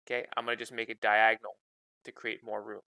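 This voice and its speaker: A man's voice: lowish voice, level tone, fast, gravelly, pushed and bright, slight background noise. A man teaching a math lesson in a casual, chatty way, checking in with "okay?" after nearly every step. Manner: repeats "okay?" constantly, chatty and informal.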